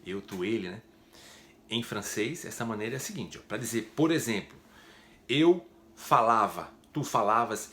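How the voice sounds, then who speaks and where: A man teaching French in a casual video lesson, explaining step by step and tagging sentences with quick questions. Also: on the low side, a bit bright, a little hiss or hum. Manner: chatty, explains step by step with frequent "né?" tags.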